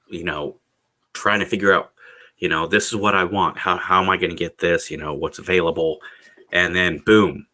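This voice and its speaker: A man chatting casually on a solo livestream, rambling and halting, repeating words and pausing as he goes, with blunt, sweary language. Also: low-pitched, sharp tone. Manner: halting, meandering delivery with repeated words and drawn-out pauses.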